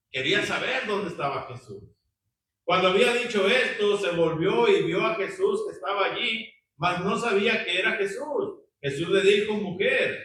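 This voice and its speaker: Bright-voiced preacher in an echoey room. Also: male voice, high voice, far from the mic. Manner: conversational, asks the group questions, frequent tag questions. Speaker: preacher teaching a Bible study. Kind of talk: Bible study teaching, reading scripture aloud.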